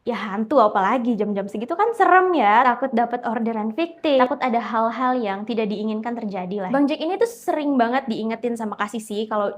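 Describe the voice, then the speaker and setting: A woman's voice: fairly high pitch, lively intonation, fairly quick, few pauses. A woman narrating a horror story in casual chat, talking directly to her listeners. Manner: chatty, addresses listeners directly.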